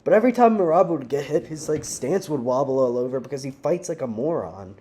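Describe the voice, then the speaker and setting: An animated young man ranting on his video channel in loose, slangy talk, laughing between his points. His voice sits a little high for a man, with a mellow, soft tone. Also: brisk. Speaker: vlogger. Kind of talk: casual rant.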